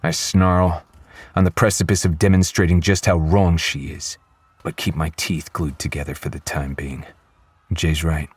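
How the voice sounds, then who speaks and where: A man narrating a first-person audiobook with low, restrained menace. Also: little pitch movement, normal speed, breathy edge, no echo.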